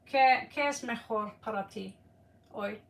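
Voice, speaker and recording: A slightly tired woman giving an informal card reading in halting, Spanish, searching for words. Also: on the high side, vocal fry. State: a little tired. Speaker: tarot card reader. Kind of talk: casual, informal one-on-one reading. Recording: distant mic with faint background noise.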